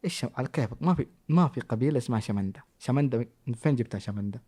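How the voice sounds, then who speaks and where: A man's voice: medium pitch, animated, rapid-fire, husky. A man with a Hejazi Saudi accent, a content creator answering follower questions in playful, teasing chat. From Saudi Arabia, Jazan. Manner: playful, teasing, jumps between loud bursts and mutters. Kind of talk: casual chat.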